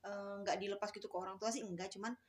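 A woman's voice: mid-range voice, fairly even intonation, rapid-fire. A woman speech therapist, a guest on an interview show, explaining her work in a casual, hesitant way with many fillers and restarts.

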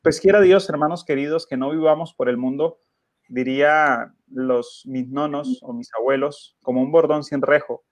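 A man's voice: mid-range voice, moderate pace, dry recording. Male pastor, earnest and emphatic sermon delivery, dry close mic. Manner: earnest, emphatic, rhetorical questions to listeners. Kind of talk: radio Bible study preaching.

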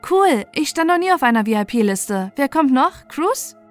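A woman's voice: high-pitched, sing-song, unhurried, soft background music, pitched above the performer's own voice. A woman reading out the chat lines of a frightened but defiant eighteen-year-old girl, her voice a little raised. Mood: wary.

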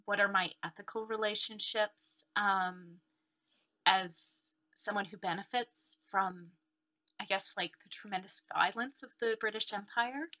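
This Canadian guest from Ontario, who is a dancer and researcher, speaks a little slowly in a medium-pitched, bright voice with a forceful tone. Over the video call she's reflective and chatty, full of "like"s and "um"s, in a casual interview chat. The audio is poor.

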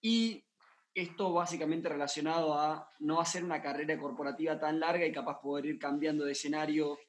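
A man's voice: on the high side, steady tone, a little fast. An Argentine man hosts a casual interview and poses a long, rambling question to his guest. He pads his speech with fillers and reworks it as he goes. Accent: Argentine Spanish. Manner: loose, filler-heavy questioning.

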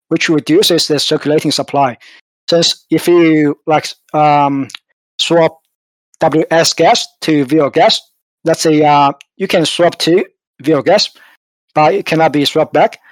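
A man's voice: a little high, a little slow, dry recording, poor audio. A man on a crypto community call, explaining a token design in a hesitant way with many fillers. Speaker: project team member explaining tokenomics. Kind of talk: casual AMA explanation.

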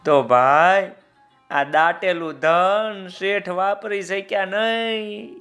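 A man telling a children's story, lively and speaking directly to his young listeners. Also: high voice, slow pace, faint music behind.

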